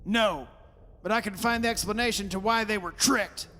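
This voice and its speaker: A man with a high, pushed, bright voice speaks at normal speed, acting as a sceptical, proud father in a vintage radio horror play. Defiant and argumentative, he insists on explaining the terror away. The audio has hiss and the reverb of a large hall.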